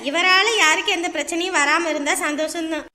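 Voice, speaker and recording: A woman's voice: very high-pitched, steady tone, fairly quick, sharp tone. A woman playing an exasperated doctor who lectures her patients sternly, in a comedy sketch recorded in an echoey room. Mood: exasperated scolding. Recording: echoey room with long reverb.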